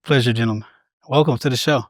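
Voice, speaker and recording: A man's voice: mid-range voice, fast talker, dry recording, clean studio sound. A man hosting an interview podcast, upbeat and friendly with short affirmations. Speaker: podcast host.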